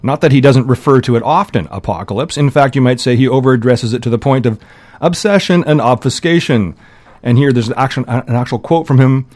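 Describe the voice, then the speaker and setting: A man chats as a guest on a college radio show, his mid-pitched voice easygoing and meandering, full of ums and restarts. He sounds like he is in a studio, unhurried and friendly in tone. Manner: relaxed, rambling, halting with fillers. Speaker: radio guest, music countdown curator. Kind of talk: casual radio chat.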